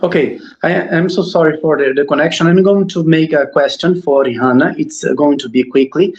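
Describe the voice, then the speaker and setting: A man asking a hesitant, halting question over a poor video-call connection. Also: a little high. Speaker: panel participant asking a question. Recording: muffled lo-fi call audio.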